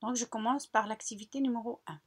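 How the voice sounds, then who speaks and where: A woman teacher with a fairly high, husky voice talks children through a workbook lesson. She goes slowly and patiently, repeating words and breaking them into syllables. The tone is that of a recorded classroom walkthrough. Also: steady tone. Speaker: primary school teacher.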